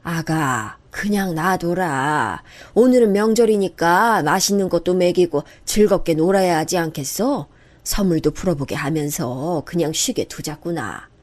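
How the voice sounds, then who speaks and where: A woman voicing a gentle, dignified elderly mother-in-law who speaks slowly and softly in a radio story drama. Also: on the low side, expressive. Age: older. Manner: slow, soft, measured.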